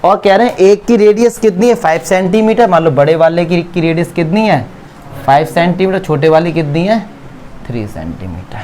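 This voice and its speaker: A man's voice: high voice, expressive, a little fast, darkish tone, a little hiss or hum. A man with an Indian accent teaching a maths class, chatty and teasing, who keeps checking that his students follow. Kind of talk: classroom lesson explaining geometry.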